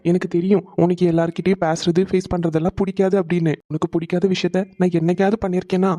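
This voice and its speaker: A man's voice: high-pitched, dark tone. A man voicing an earnest cartoon older brother. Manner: earnest, reassuring, swearing his innocence. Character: devoted young adult older brother. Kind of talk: cartoon voice acting.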